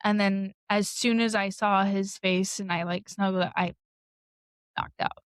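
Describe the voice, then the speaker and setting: A woman's voice: medium pitch, fairly even intonation, unhurried, clear, resonant tone, dry recording, rough recording. A woman co-hosting a podcast, telling a personal story in a candid, blunt way, swearing and laughing often. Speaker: podcast co-host. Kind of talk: casual storytelling.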